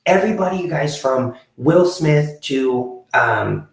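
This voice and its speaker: A man's voice: mid-range voice, expressive, slow pace, creaky. A man in his forties hosting a motivational podcast, talking earnestly to viewers, with many fillers and restarts. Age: 40s. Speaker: podcast host. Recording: very echoey room.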